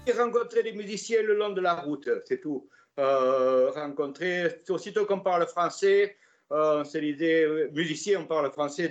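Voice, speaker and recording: Older guy w/ gascon french accent, bit high-pitched, rambly interview talk, lots of ums and restarts. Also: highs cut off. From Gascony, France. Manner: rambling, many hesitations and restarts. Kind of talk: casual storytelling interview.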